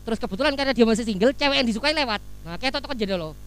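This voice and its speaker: Man, preacher, very high voice, fast talker, lively storytelling. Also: clear, resonant tone, poor audio. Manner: lively storytelling, acting out everyday scenes, mixing in Javanese phrases. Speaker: Islamic preacher. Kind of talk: sermon. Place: office hall.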